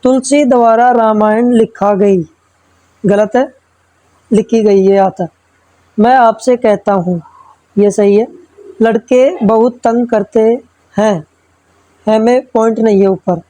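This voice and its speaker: A woman teacher works through exam practice questions in a steady, step-by-step way, checking in with her listener as she goes. Her voice sits a little high with a soft, mellow tone. The recording is close and dry. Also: slow, long pauses, no echo, rough recording. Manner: reads each question then explains answer step by step; checks in with frequent tag questions. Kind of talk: exam-prep lesson.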